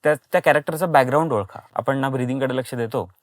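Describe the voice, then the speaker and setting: A fast-talking man with a mid-range voice, a guest who does voice and dubbing work, describes his craft conversationally in an interview. He is emphatic, repeats phrases for stress, and slips in English words; the studio audio is clean with no room sound.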